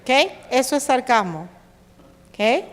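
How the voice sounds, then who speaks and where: A woman's voice: high-pitched, expressive, slow. A woman pastor with a Caribbean Spanish accent preaching a sermon, asking her congregation questions and slipping into sarcastic quoted voices. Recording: long hall reverb.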